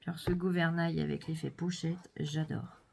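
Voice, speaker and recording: A woman vlogger chatting casually and gushing softly as she unboxes crafts, sometimes dropping to a whisper. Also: sits low, fairly even intonation, normal speed, creaky, slight background noise. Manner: gushing, soft-spoken, drops to whispers. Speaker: scrapbooking vlogger.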